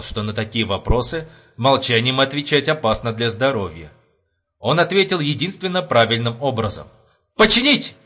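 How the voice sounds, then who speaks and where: A man narrating an audiobook in an expressive storytelling manner. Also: medium pitch. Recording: lo-fi home recording.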